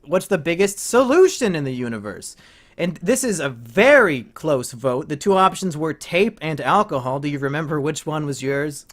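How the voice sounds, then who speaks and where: A man's voice: a little high, animated, moderate pace. A man co-hosting a podcast, trading crude, mocking banter and breaking into heated rants. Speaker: podcast co-host. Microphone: podcast microphone.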